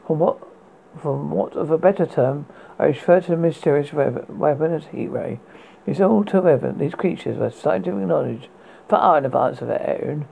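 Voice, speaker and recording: A man playing a solemn, learned professor in a 1930s radio drama reading, gravelly, husky, formal and halting. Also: fairly high pitch, warm tone, slight background noise, rough recording. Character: solemn male scientist professor, measured and learned.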